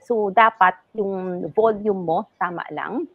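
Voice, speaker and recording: A woman's voice: medium pitch, slow pace, no room sound. Woman ENT guest, patient explainer, muffled dry studio audio. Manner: patient, explanatory, mixing English and Tagalog. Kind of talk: explaining in a TV health talk show.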